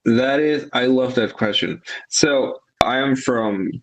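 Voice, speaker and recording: A man's voice: medium pitch, takes it slowly, poor audio. A man from Peru, a musician guest telling his story in a thoughtful, rambling way. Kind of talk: casual interview chat.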